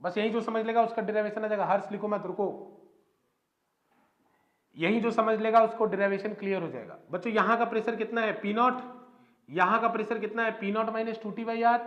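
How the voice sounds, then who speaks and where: Physics teacher, male, high voice, quizzes students as he explains; dull lo-fi recording. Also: a bit bright. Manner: explains step by step, keeps asking students questions. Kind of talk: classroom lecture. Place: classroom. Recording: echoey room, dull lo-fi sound.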